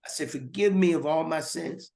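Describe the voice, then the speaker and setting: A man's voice: on the high side, moderate pace, creaky, darkish tone. A man giving a personal testimony as a guest, earnest and repeating words as he goes.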